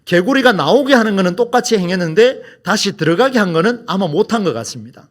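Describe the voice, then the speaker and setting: A man preaches a Sunday sermon in a church with a notably high voice that rises and falls a great deal. He presses his points through emphatic rhetorical questions. He keeps turning to the congregation to speak to them directly. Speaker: pastor. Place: church sanctuary.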